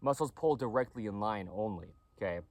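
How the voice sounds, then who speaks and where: A man's voice: fairly low pitch, lively intonation, fairly quick, darkish tone, no room sound. Guy explaining anatomy casually, keeps going "okay?", pretty dry close sound. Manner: repetitive, keeps asking "okay?". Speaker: clothing company owner explaining anatomy. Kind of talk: casual lecture to camera.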